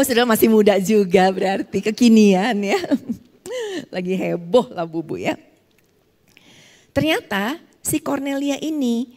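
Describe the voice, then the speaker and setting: A woman preacher with a fairly high voice delivers a sermon in a lively storytelling style. She acts out each person's words as she tells the story and addresses the congregation directly. Her voice carries a long reverb from a large hall.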